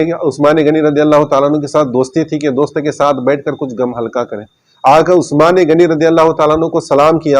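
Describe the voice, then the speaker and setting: A male preacher with a somewhat high voice tells devotional stories in a daily sermon. He speaks with feeling, repeats key phrases, and sinks low and quiet at the sad parts. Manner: emotive retelling with repeated phrases.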